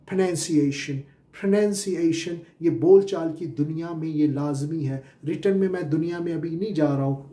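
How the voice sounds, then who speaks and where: Teaching spoken English like a classroom lecture, a Pakistani-accented man goes through each point step by step. He uses lots of filler sounds and keeps asking the same questions, his slightly high, mellow voice echoing with reverb.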